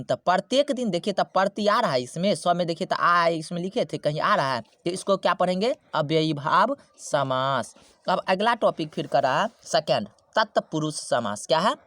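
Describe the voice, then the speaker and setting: A man teaching a Hindi grammar lesson, repeating key words and asking rhetorical questions, slowing down to spell out terms. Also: high voice, fairly bright tone, dry recording, clean studio sound. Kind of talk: classroom-style grammar lesson.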